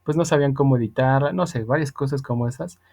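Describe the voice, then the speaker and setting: A man in his 30s with a gravelly, somewhat dark voice speaks quickly at a medium pitch. He's an online English teacher giving casual spoken instruction, explaining patiently and emphatically and repeating himself a lot.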